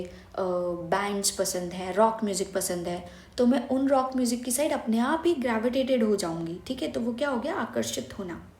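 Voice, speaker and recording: A woman's voice: medium pitch, a little mellow, roomy sound. A young woman teaching vocabulary for exam prep, explaining step by step and asking questions she then answers herself. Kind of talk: Hindi-English mixed vocabulary lesson.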